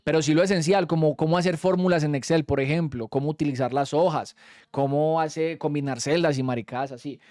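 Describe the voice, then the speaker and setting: A man's voice: on the high side, fairly even intonation, brisk, darkish tone, no echo, studio quality. A young Colombian man with a Colombian Spanish accent, telling a story in a casual, slangy way and swearing freely as a streamer.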